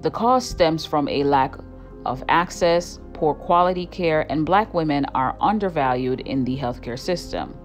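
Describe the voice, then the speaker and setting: A woman reading a serious scripted narration in a measured tone. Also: sits low, lively intonation, faint music behind. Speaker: commentary vlogger.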